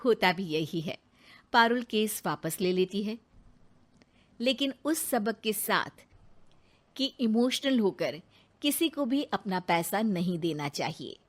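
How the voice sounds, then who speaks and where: A woman narrating a cartoon moral story in a measured storytelling manner. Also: medium pitch, lively intonation.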